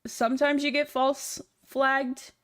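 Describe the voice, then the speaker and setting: Working on a model, a young woman streaming chats in a rambling, filler-heavy way. Her feminine voice is high-pitched but shows little pitch movement, and she speaks slowly.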